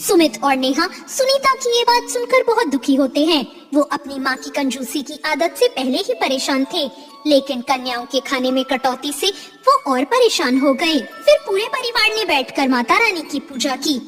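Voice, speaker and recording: A woman hosting a channel and narrating a devotional story in an animated storytelling manner. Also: high-pitched, normal speed. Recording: long reverb, faint music behind.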